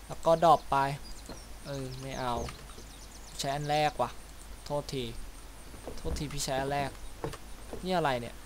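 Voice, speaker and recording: A man's voice: on the high side, background noise. A man giving casual let's-play commentary as a gaming video host, chatty and given to making little mouth sound effects. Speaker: gaming YouTuber. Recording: loud game sounds behind voice.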